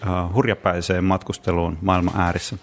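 A male interviewer asks his guest measured, friendly questions. His voice sits very low. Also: level tone, slight background noise.

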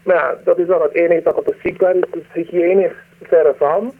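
A woman, her voice disguised by a deep pitch-shift distortion, answering a radio interview earnestly with hesitant pauses. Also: steady tone. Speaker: anonymous former aid worker interviewee. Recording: distorted, narrow phone-like sound.

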